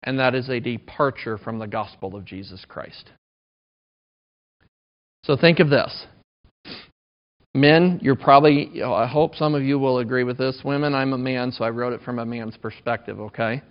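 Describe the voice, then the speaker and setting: A man's voice: mid-range voice, moderate pace, pauses often. Conversational male preacher in his thirties. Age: 30s. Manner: conversational, self-deprecating humor. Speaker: pastor. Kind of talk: sermon. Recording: dull lo-fi recording.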